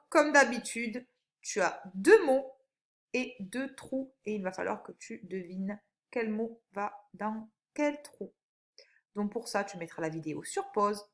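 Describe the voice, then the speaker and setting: Woman, school teacher, phonics lesson, slightly high voice, drawn-out single words. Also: a bit bright. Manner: slow, clear, encouraging instructions to a child; stretches out single words when reading them aloud. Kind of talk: recorded phonics lesson for young children.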